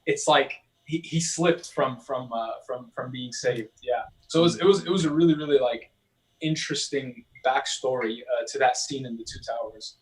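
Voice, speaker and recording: A man in a casual film discussion, talking in a halting way with many fillers and restarts. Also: medium pitch, low-quality recording. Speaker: podcast panelist.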